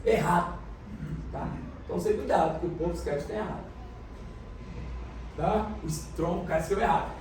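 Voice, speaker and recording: High-voiced pastor in an echoey hall. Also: male voice, a little fast, long pauses, darkish tone, a little hiss or hum. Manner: explains and quizzes the congregation. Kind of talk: sermon. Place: church hall. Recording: echoey church hall, mic from a distance.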